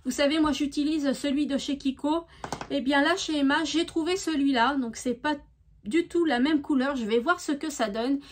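A woman's voice: high-pitched, moderate pace. A middle-aged woman chatting casually about her beauty purchases, enthusiastic, with frequent hesitations. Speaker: beauty vlogger. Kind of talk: casual haul chat to camera.

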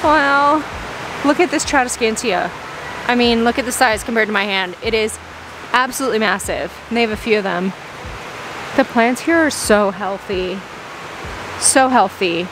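A young woman with a slightly high voice gushes over plants as she wanders a big greenhouse nursery, filming on a handheld phone. She exclaims and reads price tags aloud. A steady hiss of noise sits under her voice. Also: normal speed, pauses often. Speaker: plant vlogger. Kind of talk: excited plant-shopping vlog. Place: large indoor greenhouse nursery. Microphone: handheld phone camera.

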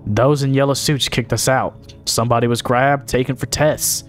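A man's voice: mid-range voice, steady tone, normal speed, soft background music, lightly acted. A man voicing a worried neighbor from a game who has been kicked out of his home. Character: displaced nervous neighbor looking for shelter.

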